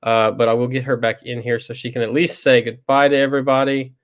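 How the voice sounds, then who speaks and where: A man in his thirties hosting a casual livestream trivia chat, relaxed and rambling with many fillers, on a video call mic. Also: mid-range voice, quick pace, smooth. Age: 30s.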